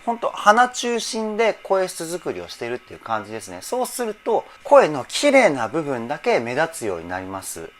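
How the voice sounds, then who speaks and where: A man's voice: on the high side, slight background noise. A man working as a vocal trainer, analyzing singing in a reaction video, emotional and teary, often laughing. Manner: emotional, repeatedly laughing and moved.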